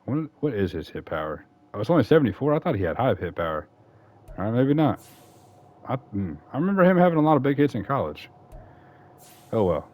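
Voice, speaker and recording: A man's voice: mid-range voice, very animated, brisk, long pauses, highs cut off. A man casually talking through a football franchise game, rambling and correcting himself as he goes. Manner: rambling, self-correcting, chatty. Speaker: gaming YouTuber. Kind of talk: casual franchise-mode commentary.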